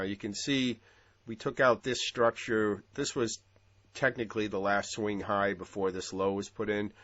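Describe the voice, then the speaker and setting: Deep-voiced stuffy man reviewing charts. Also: muffled recording. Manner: relaxed, with frequent ums and uhs. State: stuffy, congested from a cold. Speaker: futures trading analyst. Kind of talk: casual market commentary over charts.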